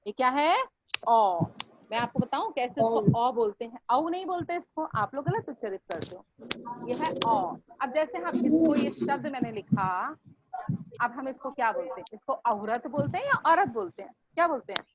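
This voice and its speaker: High-voiced woman teaching a class. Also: brisk. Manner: repeats questions to drill students. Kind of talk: classroom grammar lesson. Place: classroom with blackboard. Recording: dull lo-fi recording with steady noise.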